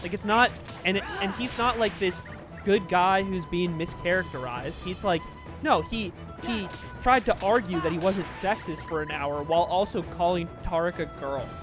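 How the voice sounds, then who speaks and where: Man, high voice, casual storytelling, music clearly behind. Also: moderate pace. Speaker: podcast co-host. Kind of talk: casual chat.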